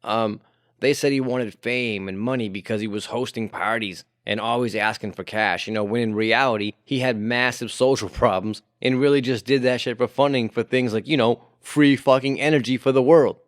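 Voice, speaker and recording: A man's voice: mid-range voice, steady tone, moderate pace, no room sound, clean studio sound. Casual, profane man telling history. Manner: profane, conversational, frequent "you know". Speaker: podcast host. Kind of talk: casual storytelling podcast.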